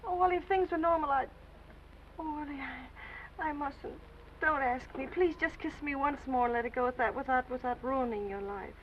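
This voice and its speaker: An actress playing an excitable, evasive young woman in breathless, theatrical 1930s screwball comedy banter. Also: high-pitched, fast talker, natural voice. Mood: flustered, tender. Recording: old film soundtrack, dull and noisy.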